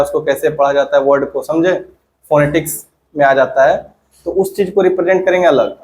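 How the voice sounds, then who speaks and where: A man's voice: fairly high pitch, a little mellow, rough recording. A male teacher giving a classroom grammar lesson, asking questions and having his students answer together. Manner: quizzing students, prompting them to answer together.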